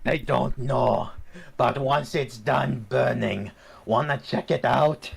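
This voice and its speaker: A man voicing a cruel, flippant male killer clown with a raspy, drawling voice. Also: mid-range voice, takes it slowly. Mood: gleeful.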